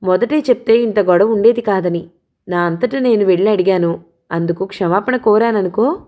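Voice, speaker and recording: A restrained older brother speaks in a measured, grave way, as a woman narrating a novel reads him. The tone is warm and mellow, and the delivery stays steady and serious. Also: mid-range voice, lightly acted. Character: older brother, calm, hurt, restrained man.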